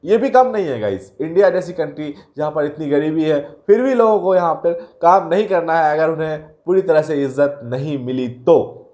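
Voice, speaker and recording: A man's voice: on the high side, animated, moderate pace, darkish tone. A man hosting a career video, explaining things to his viewers in a chatty way and mixing in English terms. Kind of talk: casual explainer talk to viewers.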